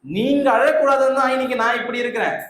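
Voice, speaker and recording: A man's voice: very high voice, expressive, fast talker, fairly bright tone, slight background noise. A man preaching a conversational sermon in a church, quizzing the congregation with questions and waiting for their answers. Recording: echoey hall with faint ambience.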